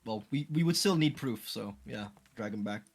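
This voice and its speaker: A man's voice: lowish voice, lively intonation, moderate pace, gravelly. A man joking around casually as a player in a tabletop game.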